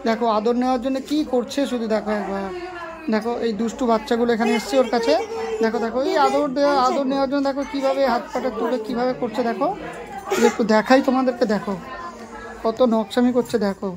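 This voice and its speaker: A woman pet vlogger narrating casually to viewers, cooing at her dog in soft baby talk. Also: fairly high pitch, fairly even intonation, quick pace, crowd noise.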